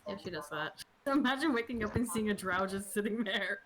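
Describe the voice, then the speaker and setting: A woman's voice: mid-range voice, a little fast, crowd noise. A woman playing a tabletop game, chatting casually with some hesitant fillers. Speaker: player.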